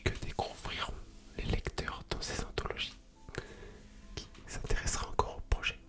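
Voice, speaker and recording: Whispering woman, soft ASMR library hush. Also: moderate pace, over music. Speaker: ASMR video creator and host. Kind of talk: whispered ASMR reading of an article with casual commentary.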